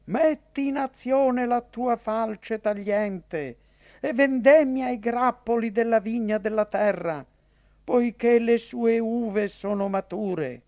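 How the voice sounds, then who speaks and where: A man voicing a loud commanding angel. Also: extremely high pitch, slow, no echo, voice pushed up, full character voice. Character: male angel crying out a command.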